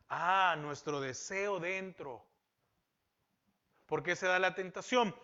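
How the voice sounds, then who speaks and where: Bright high-voiced male pastor preaching. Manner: asks rhetorical questions and repeats key phrases. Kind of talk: Bible-teaching sermon. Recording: dull lo-fi sound.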